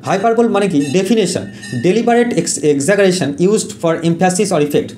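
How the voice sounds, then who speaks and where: A man teaching an exam-prep lesson, who explains in Bengali, reads English definitions slowly and often pauses with fillers and corrects himself. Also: high-pitched, expressive, darkish tone, slight background noise. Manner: frequent fillers and self-corrections.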